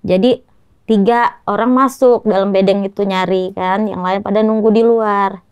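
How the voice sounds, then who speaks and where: A woman's voice: medium pitch, steady tone, normal speed, darkish tone, smooth, no echo, muffled recording. Woman telling what happened in short choppy bits, keeps quoting people, dry close sound. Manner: tells events in short clipped phrases, often quoting others. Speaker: guest, mother of the victim. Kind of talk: emotional recounting in an interview.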